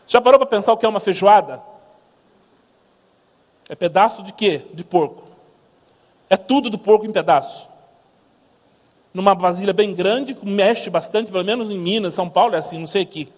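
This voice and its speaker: A man with a Brazilian Portuguese accent gives a humorous church testimony as a missionary speaker. He tells stories in a lively way and mimics sounds. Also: high-pitched, moderate pace, pauses often, long reverb tail.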